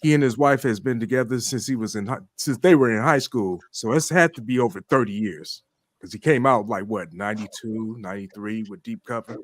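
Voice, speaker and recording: A male panelist on a relaxed talk show sets the record straight in an upbeat, matter-of-fact way. His voice is low, and the sound is dry and close to the mic. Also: a little fast, dry recording. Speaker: panel co-host.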